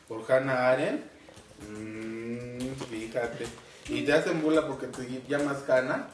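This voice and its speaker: A woman's voice: a bass voice, steady tone, slow. A woman hosting a podcast, patiently asking children about a storybook and often ending with a tag question. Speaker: host of a children's book podcast. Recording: roomy echo with faint noise.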